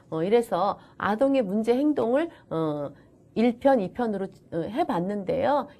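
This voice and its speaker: A woman's voice: medium pitch, gravelly. A woman giving a recorded online lecture in a chatty manner, often acting out what teachers and children say. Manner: chatty, lively, acts out children's and teachers' lines. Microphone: camera-recorded lecture.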